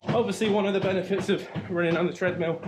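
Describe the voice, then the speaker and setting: A man's voice: high voice, fairly even intonation, fast. A man chatting casually to his vlog viewers while running on a treadmill at home. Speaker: vlogger. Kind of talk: casual chat to camera. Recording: clear background noise of treadmill, clicks.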